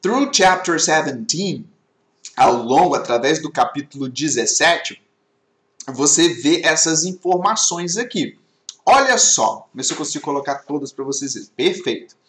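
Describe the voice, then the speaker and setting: A man's voice: fairly high pitch, lively intonation, normal speed, fairly bright tone. A man teaching an online English class, explaining with many rhetorical questions. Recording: echoey webinar audio.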